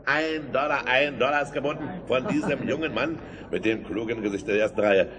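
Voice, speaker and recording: A man's voice: medium pitch, fairly quick, lightly acted. A man playing a jolly, theatrical auctioneer in an audio drama, coaxing bidders with showy calling patter. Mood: jovial, urging. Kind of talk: German audio drama acting. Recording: crowd murmur behind the voice.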